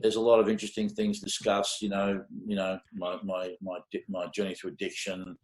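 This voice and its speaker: A low, monotone, slightly mellow man speaks a little fast, with a little hiss or hum in the echoey recording. He's an Australian mastering engineer in his fifties, a guest on a casual interview podcast, rambling hesitantly through stories with many fillers and casual swearing.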